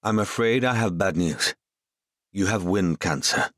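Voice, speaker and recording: A solemn, deadpan doctor , put on by a man, comes through a phone on speakerphone. His voice sits very low and his delivery is slow and grave. The sound is close and dry, with no room around it. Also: no room sound. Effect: heard over a phone on speakerphone. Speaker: podcast host doing a comic bit.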